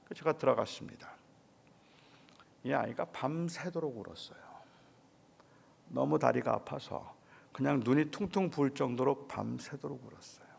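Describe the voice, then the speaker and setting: A middle-aged male pastor preaching at a dawn service in a church, telling a personal story in a quiet, hushed way. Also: mid-range voice, moderate pace, gravelly, pauses often, husky, long reverb tail. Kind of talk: sermon at a dawn revival service. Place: church sanctuary.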